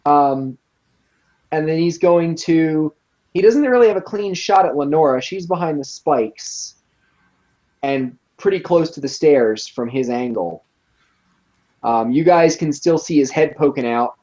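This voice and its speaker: A woman narrating as game master of a tabletop game, relaxed and hesitant with frequent ums. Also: deep voice, a little slow, highs cut off.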